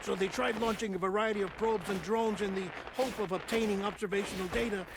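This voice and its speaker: A high, gravelly male voice with a steady tone, over background noise, belongs to an actor voicing an eccentric but likable researcher. The video game cutscene monologue is explanatory narration, told in an intrigued, theatrical, conversational style full of chuckles and dramatic pauses.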